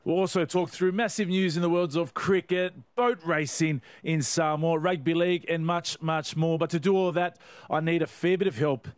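A man's voice: a little high, steady tone, normal speed. A man hosting a sports show in an upbeat, casual radio chat style.

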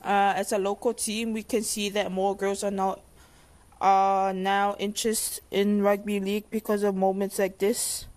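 Even-toned woman giving measured comment. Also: medium pitch.

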